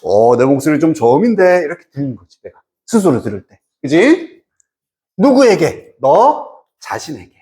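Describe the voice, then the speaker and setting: A man gives an informal, emphatic exam-prep lecture teaching English, frequently posing questions and answering them himself to check understanding. His voice is a little high with a darkish tone, swinging widely in pitch at a moderate pace.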